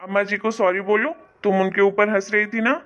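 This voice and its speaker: A woman's voice: medium pitch, little pitch movement, brisk, fairly bright tone, highs cut off, lightly acted. A woman voicing a patient young husband in a cartoon story, soothing and apologetic.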